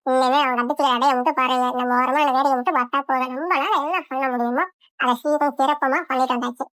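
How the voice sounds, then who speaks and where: A woman's voice: high-pitched, steady tone, fast, fairly bright tone, no echo, faint music behind. A woman voicing a meddling, scheming neighbour in a cartoon, with a sly, gossipy manner. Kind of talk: cartoon voice acting.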